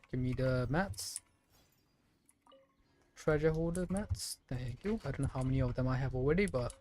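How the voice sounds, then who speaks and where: This video game streamer's voice is on the high side, with a dark tone. He gives casual live commentary on his gameplay and banters playfully with the characters and enemies he meets.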